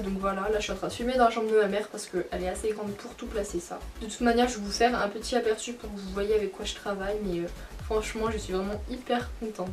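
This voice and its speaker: A young woman with a slightly high voice, talking hesitantly through a casual vlog and often stopping on fillers. She sits a little away from the camcorder mic, with faint music behind her. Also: distant mic. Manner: hesitant, many fillers, apologetic. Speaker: beauty vlogger. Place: her mother's bedroom, indoors.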